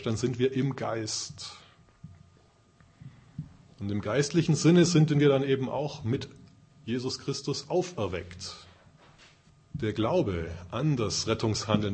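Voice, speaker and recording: A man preaching a sermon in a measured, earnest way. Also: medium pitch, darkish tone, slightly rough. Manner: measured, earnest, often fills with "eben".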